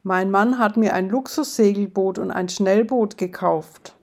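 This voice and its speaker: A woman's voice: mid-range voice, measured pace, a little mellow. A woman voicing a competitive wife who snaps back and tries to outdo her friend. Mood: snappish. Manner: snapping, one-upping.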